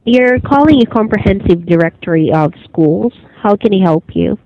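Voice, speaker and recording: A woman's voice: mid-range voice, expressive, normal speed. A woman working as a phone agent, handling a customer service call. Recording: slightly dull telephone line.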